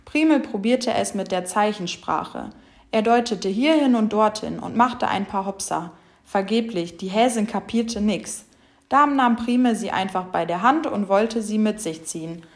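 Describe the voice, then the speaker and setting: A woman reading a children's story aloud with lively, expressive storytelling. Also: medium pitch, a little slow. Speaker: storybook reader.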